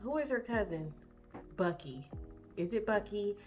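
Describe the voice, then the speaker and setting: A woman's voice: mid-range voice, animated, darkish tone. Young woman ranting through a movie recap, cusses a lot, kinda dull audio w faint music behind. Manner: profane, rambling, quick laughs.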